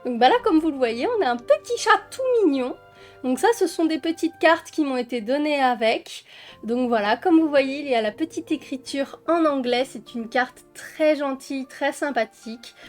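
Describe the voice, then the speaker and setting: A French woman casually presenting coloring books in a chatty vlog, with many fillers and fond little words. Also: high-pitched. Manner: chatty, with frequent fillers and diminutives. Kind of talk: casual flip-through vlog.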